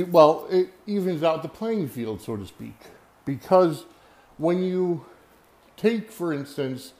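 An American man hosting a podcast, talking unscripted on his own in a rambling, halting way, often searching for his words. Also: fairly high pitch, a little mellow. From United States. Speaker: podcast host. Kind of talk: unscripted solo podcast monologue.

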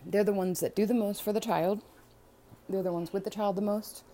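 A woman's voice: mid-range voice, fairly even intonation, brisk, dark tone, a little hiss or hum. A woman in a casual monologue on family dynamics, speaking hesitantly with frequent "um"s and restarts.

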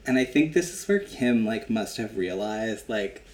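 A man's voice: on the low side, animated, a little slow. A man hosting a casual podcast, recapping a scene and acting out the quotes. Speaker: podcast host.

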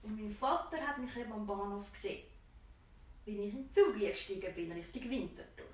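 Speaking briskly with lively intonation, a woman with a Swiss German accent shares a personal story as a guest, voicing the quoted lines herself and frequently breaking into laughter. The mic is distant and the room echoes.

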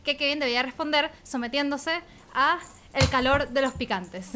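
Podcast host, woman, friendly, laughs a lot, a touch higher voice, faint hum behind. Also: lively intonation, measured pace. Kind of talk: casual interview chat.

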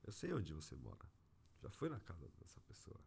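A man's voice: deep voice, huge pitch swings, a little fast, creaky, darkish tone, a little hiss or hum. A man with a Brazilian Portuguese accent, venting in a casual, slangy monologue as an agency owner fed up with clients. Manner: frustrated, slangy, exasperated.

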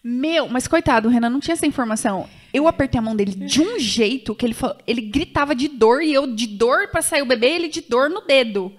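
A young Brazilian woman guest on a podcast, telling a story in an animated, chatty way with many fillers and restarts. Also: high-pitched, fast, few pauses. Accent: Brazilian Portuguese. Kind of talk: casual chat.

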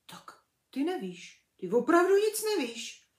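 Woman voicing a big gruff man, loud and folksy, raised pitch, echoey room. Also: expressive. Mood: insistent. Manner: loud, folksy colloquial speech. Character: huge gruff male gamekeeper, blunt.

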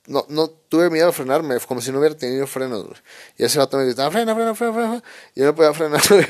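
A young man with a Mexican accent, hosting a podcast and telling a funny story in a casual, slangy, animated way, laughing often. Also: mid-range voice. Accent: Mexican Spanish. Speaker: podcast host.

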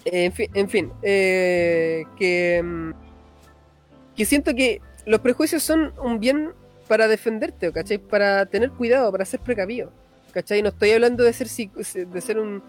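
Young Chilean man, high voice, rapid slangy storyteller, faint music bed. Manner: fast slangy storytelling, frequent "cachai" tags. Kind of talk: casual storytelling chat.

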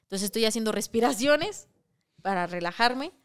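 Smooth-voiced Mexican woman telling a story. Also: on the high side, normal speed. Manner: animated, crude slang-heavy storytelling. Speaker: podcast co-host. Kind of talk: casual storytelling chat.

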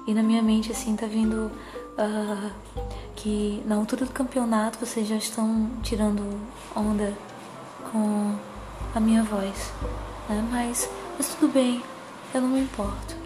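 A woman with a cutesy, soft voice giving a reflective personal monologue in a gentle, hesitant manner, often adding little tag questions. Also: fairly high pitch, level tone, unhurried, music in the background, low-quality recording. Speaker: psychologist.

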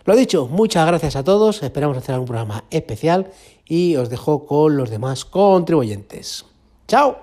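A man's voice: fairly high pitch, very animated, normal speed, dark tone. A man hosting a casual podcast, talking in a rambling, self-mocking way with many fillers and restarts. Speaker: podcast host.

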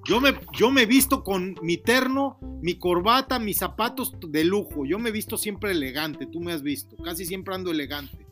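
A man gives his daughter fatherly advice in an earnest, preachy way, lecturing her. His voice sits high for a man. Soft music plays faintly behind him. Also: animated, normal speed, few pauses. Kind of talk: casual heart-to-heart talk.

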